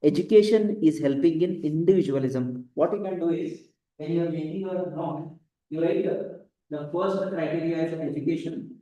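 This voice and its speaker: Here a man with an Indian accent gives a didactic lecture at normal speed, his voice on the high side but dark in tone. He keeps restating main ideas and checking in with "correct?" and "right?", heard with roomy echo from a distance.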